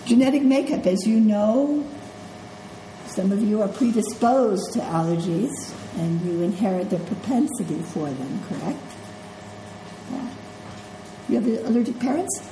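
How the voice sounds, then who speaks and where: Speaking at a measured pace in an animated, mid-range voice, a congested middle-aged woman teaches nursing students conversationally, asking "okay?" and "right?" along the way. The background is noisy, and the classroom sounds echoey with faint ambience.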